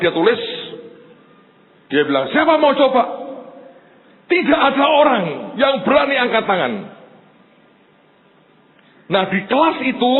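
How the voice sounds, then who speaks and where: A male pastor, preaching in an animated storytelling way, acting out the people in his stories and often turning to the congregation. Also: very high voice. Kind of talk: sermon storytelling. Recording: tinny phone-like sound with faint noise.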